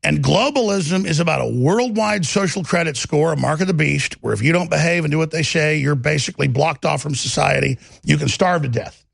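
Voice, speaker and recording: Aggressive, confident and emphatic, a gravel-voiced man with a Texas twang delivers impassioned political commentary in talk-show-host style, heaping up lists and rhetorical questions. He speaks at a fairly high pitch and a little fast, with no room sound.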